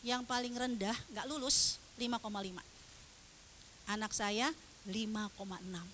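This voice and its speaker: Middle-aged female preacher, lively storyteller, high and bright, faint hiss behind. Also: moderate pace. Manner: animated storytelling, acts out quotes, Arabic prayer phrases. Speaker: religious teacher. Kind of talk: sermon to a women's study group.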